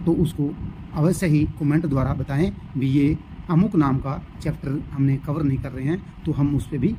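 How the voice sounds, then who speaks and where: A man's voice: on the high side, normal speed, noisy background. A man teaching a lesson, giving an overview of the chapters and repeating key terms as he explains them.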